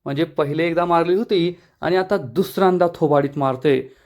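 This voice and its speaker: A man's voice: a little high, a little fast, a little mellow. A man narrating a dramatic episode recap of a TV serial, retelling the scenes as a story. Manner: dramatic storytelling, quoting characters.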